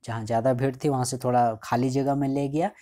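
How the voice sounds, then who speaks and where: A man teaching a school chapter line by line, his voice mellow and warm. He reads each English line slowly, then explains it casually and often checks in with his students. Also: medium pitch, fairly even intonation. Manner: frequent checking fillers.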